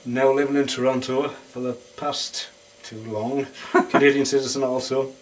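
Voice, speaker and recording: A guitarist from Sunderland, England, with a Northeast English accent, chats in an easygoing, rambling way during a casual interview at a lounge bar. His mid-range voice has little pitch movement and a moderate pace. The mic is distant, with faint room noise.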